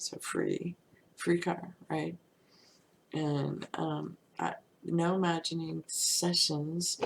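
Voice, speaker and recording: A woman's voice: lowish voice, gravelly, slight background noise, rough recording. A woman teaching manifestation through casual, chatty storytelling, often saying "you know" and laughing lightly.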